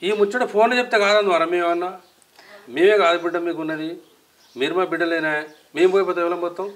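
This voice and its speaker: A man's voice: high-pitched, steady tone, a bit bright, dry recording. An actor playing a middle-aged village father who coaxes and consoles his children in a Telangana accent. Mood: coaxing. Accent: Telangana Telugu. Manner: coaxing, consoling, brisk. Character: older village father, soothing and fond.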